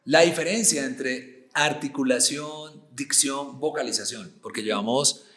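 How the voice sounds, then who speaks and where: A man's voice: medium pitch, measured pace, a bit bright. A man hosting an interview, asking long, layered questions with restarts and the odd laugh. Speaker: host and founder of a voice-training studio.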